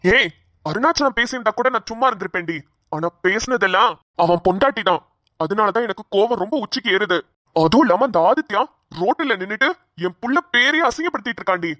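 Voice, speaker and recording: A woman's voice: medium pitch, lively intonation, fast, a bit bright, no echo, clean studio sound, close to an everyday voice. A woman voicing a stern, stubborn father in a cartoon, who scolds and gives orders. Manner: scolding, bossy. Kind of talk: Tamil cartoon voice acting.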